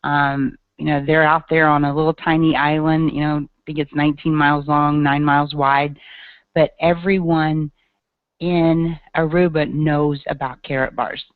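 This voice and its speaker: A woman's voice: low voice, level tone, normal speed, dry recording. A woman with a Tennessee Southern accent, presenting earnestly and chattily on an online call, with many ums. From Tennessee, USA. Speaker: guest speaker. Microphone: video call. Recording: tinny dry call audio.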